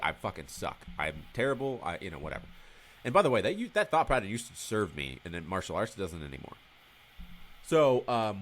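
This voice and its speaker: A man's voice: deep voice, a bit bright, a little hiss or hum. A man as a podcast guest, talking candidly and swearing freely, telling stories with acted-out dialogue in casual conversation.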